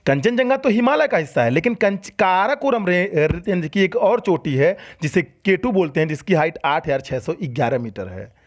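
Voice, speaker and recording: A man's voice: high-pitched, expressive, moderate pace, hardly any pauses. A man teaching a general-knowledge lesson for exam students, asking questions and answering them himself, and repeating key facts. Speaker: coaching teacher. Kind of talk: exam-prep lecture.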